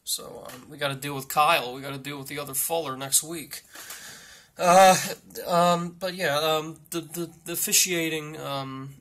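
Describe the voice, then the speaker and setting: A man playing a blunt football coach at a mock press conference, rambling and repeating himself in halting answers. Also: fairly high pitch, steady tone, fairly bright tone, close to an everyday voice. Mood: halting, resigned.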